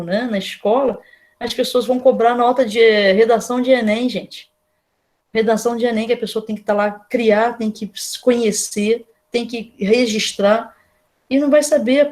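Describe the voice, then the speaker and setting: Brazilian woman, university lecturer; casual, explanatory delivery, slightly high voice. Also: darkish tone. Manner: casual, explanatory, rhetorical questions to students. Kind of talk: online class lecture.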